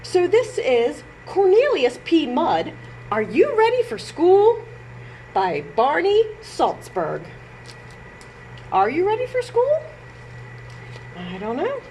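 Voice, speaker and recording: A woman with a very high-pitched voice takes her time and pauses often while leading a library storytime for small children. She talks to them playfully, reads aloud and sings in an animated style, and the recording is low-quality and noisy.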